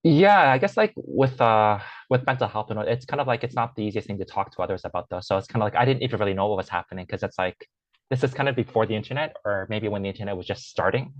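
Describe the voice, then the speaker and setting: Speaking fast in a lowish voice, a young man appears as a guest in a relaxed personal chat, hesitating often with fillers and false starts. He is a native English speaker who has learned Chinese as a second language, and the recording is dull and echo-free.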